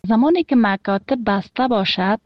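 Higher-pitched Afghan woman, lo-fi message. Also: animated, noisy background. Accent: Afghan Dari. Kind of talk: spoken opinion message. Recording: dull, lo-fi message audio.

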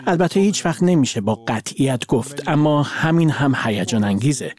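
Male voice-over interpreter, measured. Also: mid-range voice, animated, a little mellow. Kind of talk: voice-over translation.

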